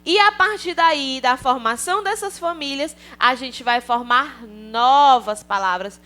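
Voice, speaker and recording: Cheerful bright-voiced Brazilian teacher. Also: female voice, high voice, a little slow. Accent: Brazilian Portuguese. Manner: cheerful, coaxing, checks in with "certinho?". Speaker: primary school teacher. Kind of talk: recorded online class for children.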